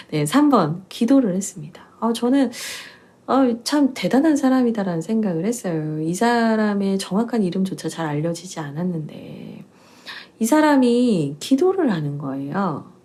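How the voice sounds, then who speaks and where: Female pastor, conversational Bible teaching, playful tone, breathy timbre. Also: mid-range voice, lively intonation, normal speed, a little mellow. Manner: chatty, playful, with laughs and quiz-like questions. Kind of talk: casual Bible teaching talk.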